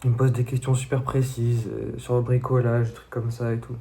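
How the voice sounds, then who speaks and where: Laid-back young man, mellow voice. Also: medium pitch, little pitch movement, fairly quick. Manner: slangy, laid-back, addresses viewers as "les gars". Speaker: vlogger. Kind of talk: casual storytelling monologue to viewers.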